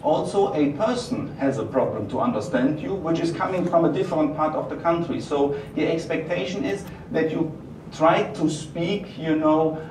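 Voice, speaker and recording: An echoey, distant recording of a man with a strong German accent presenting at an event. He speaks at a middle pitch and answers questions haltingly, repeating phrases as he goes. Clear noise sits behind him. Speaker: company presenter taking audience questions. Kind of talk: live product presentation and Q&A. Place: roomy event venue. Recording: echoey, noisy room from far off.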